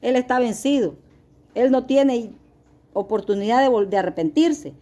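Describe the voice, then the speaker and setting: A woman's voice: on the high side, normal speed, mellow. A middle-aged woman giving an earnest, confessional sermon-style testimony as a lay preacher, speaking to her listeners as beloved.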